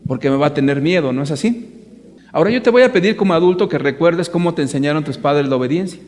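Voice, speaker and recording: A man's voice: a little high, quick pace, a little mellow. A man preaching to a live audience. He speaks emphatically, asks rhetorical questions and addresses his listeners directly. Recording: echoey hall reverb.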